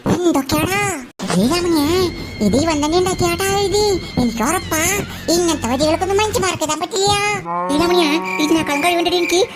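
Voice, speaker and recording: A dubber voicing cartoon schoolkids and a teacher in a comic dub, teasing and exclaiming with loud bursts. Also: very high voice, brisk. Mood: mocking. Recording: loud background music.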